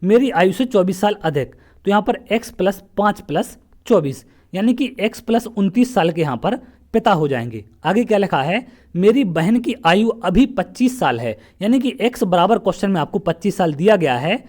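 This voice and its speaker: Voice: medium pitch, sing-song, moderate pace, a little mellow. Step-by-step math teacher from central India. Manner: asks questions then answers them, step by step. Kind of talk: exam-prep lesson solving past paper questions.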